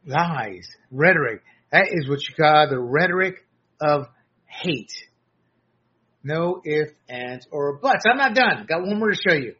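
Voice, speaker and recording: Male political commentary host, combative and sarcastic, husky and bright, on dull audio. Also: a little high, lively intonation, measured pace. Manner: combative, sarcastic, rising to shouts.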